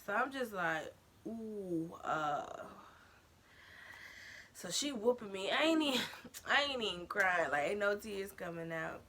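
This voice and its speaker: Young woman doing a storytime vlog, bright voice, chatty and slangy, bit of background hiss. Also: medium pitch, normal speed. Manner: animated, slangy storytelling, addresses viewers as y'all. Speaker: vlogger.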